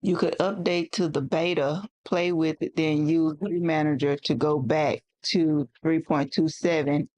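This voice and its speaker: A woman's voice: sits low, fairly even intonation, unhurried, few pauses, darkish tone. A woman co-hosting a casual livestream, reading out chat comments and teasing the host dryly.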